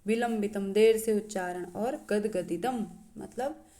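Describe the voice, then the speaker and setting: A woman teaching a lesson, reciting verses slowly and then explaining them with frequent pauses and fillers. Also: medium pitch, mellow. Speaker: Sanskrit teacher.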